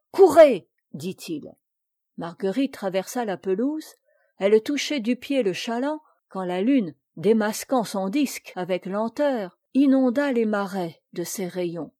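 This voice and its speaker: A woman reads a classic story aloud, unhurried and measured. Her tone is mellow and soft-edged, and she voices the characters' dialogue. The recording is dry and close, with no room sound. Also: medium pitch, no echo. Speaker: audiobook reader. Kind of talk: scripted narration of a classic tale.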